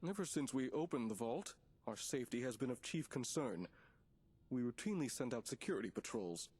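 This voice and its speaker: Stuffy game official, formal and condescending, raspy, lots of up and down. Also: male voice, medium pitch, animated, fairly quick, a little mellow. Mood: concerned. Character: formal, condescending male authority figure in a vault. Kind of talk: video game dialogue.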